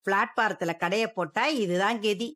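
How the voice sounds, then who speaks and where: A woman's voice: mid-range voice, normal speed, a bit bright, close to an everyday voice. A woman voicing a scornful old grandmother who taunts and sneers in a drama dub. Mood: sneering. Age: older. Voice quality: mocking, sneering.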